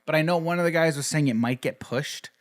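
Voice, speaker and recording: A man's voice: on the high side, brisk. Rambling young man chatting about board games. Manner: rambling, many fillers, trails off quietly. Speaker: podcast co-host.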